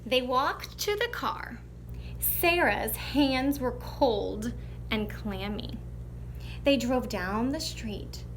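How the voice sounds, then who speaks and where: A woman teacher with a fairly high, animated voice talks to young children as if at storytime. She takes her time, and there is faint noise behind her. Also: very slow.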